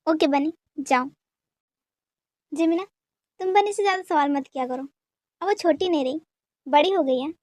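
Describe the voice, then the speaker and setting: A woman voicing a calm, protective father who speaks in a firm, level way. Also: high voice, moderate pace, long pauses, dry recording, natural voice.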